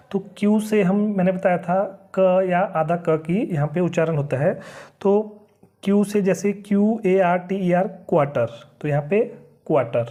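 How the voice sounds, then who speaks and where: A teacher leads a beginner's spelling and pronunciation lesson, reading out each word letter by letter before saying it slowly. The delivery is patient and repetitive. The voice is mellow and warm, at a middle pitch. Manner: spells words letter by letter, then says them slowly. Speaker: English teacher.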